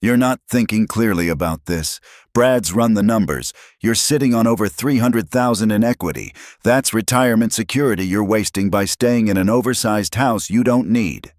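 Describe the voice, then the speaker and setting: A man's voice: deep voice, lively intonation, moderate pace, darkish tone, no room sound. A man voicing a pushy, resentful grown daughter who pressures her father, in a dry close recording. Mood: pushy, upset. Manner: insistent, pressuring.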